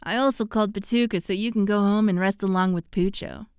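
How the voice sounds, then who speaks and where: A woman voicing a bossy, confident witch in an animated series, brisk and sassy with a commanding manner. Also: medium pitch, clean tone, dry recording, clean studio sound, natural voice. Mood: matter-of-fact. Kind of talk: animated web series voice acting.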